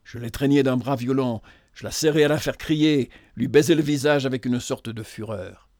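A man's voice: medium pitch, normal speed, darkish tone, dry recording, clean studio sound. A man narrating a novel aloud in a lyrical, impassioned reading style.

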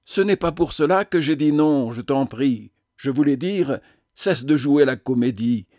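A man voicing a gentle, loving woman who pleads tenderly and earnestly. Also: mid-range voice, animated, unhurried, dry recording, natural voice. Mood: urgent pleading.

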